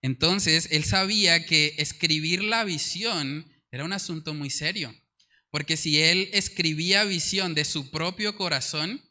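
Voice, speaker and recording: Male pastor, sharp and bright tone, slightly high voice, earnest sermon delivery. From Colombia. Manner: earnest, emphatic, repeats key words. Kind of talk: sermon with scripture reading.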